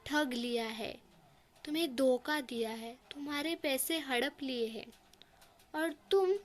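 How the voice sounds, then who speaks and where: A furious master shouting at his servant, put on by a woman teacher reading a story aloud. His voice rises high and shakes with anger as he hurls accusing questions, loud and trembling. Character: angry male employer shouting at maid.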